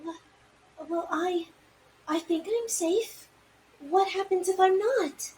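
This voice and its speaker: A woman's voice: very high voice, slow pace, a little mellow, slight background noise, pitched above the performer's own voice, low-quality recording. A woman voicing a humble, kind, anxious spellcasting adventurer in tabletop role-play, earnest and tentative.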